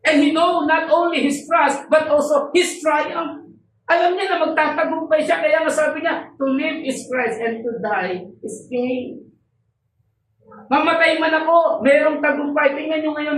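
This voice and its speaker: A woman's voice: high-pitched, recorded from a distance, a little hiss or hum. A woman preacher giving a sermon to her congregation. She asks rhetorical questions and stresses key words. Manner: code-switching, rhetorical questions, emphatic. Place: church hall. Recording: roomy hall, off-mic, faint ambience.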